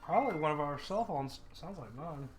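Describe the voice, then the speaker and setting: A man's voice: fairly high pitch, expressive, a little fast, faint music behind. A man co-hosting casual, joking game commentary in a brash, sarcastic, profane manner. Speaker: gaming channel co-host.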